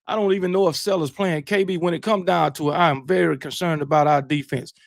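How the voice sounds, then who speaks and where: Gravelly man hosting a late-night stream. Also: fairly high pitch, quick pace, no room sound, studio quality. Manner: relaxed, shout-outs, slangy banter. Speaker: livestream host. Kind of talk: casual late-night chat, reading viewer comments.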